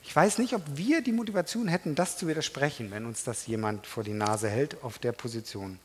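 A middle-aged man preaching a sermon, animated and emphatic, talking straight to his congregation. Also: medium pitch, fairly quick, slightly rough. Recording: reverberant hall.

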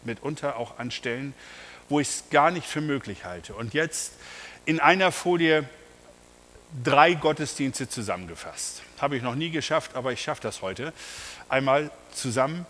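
A man's voice: medium pitch, expressive, normal speed, fairly bright tone, in a large hall, a little hiss or hum. A man preaching a sermon, emphatic and speaking straight to his congregation with rhetorical questions. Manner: addresses the congregation directly.

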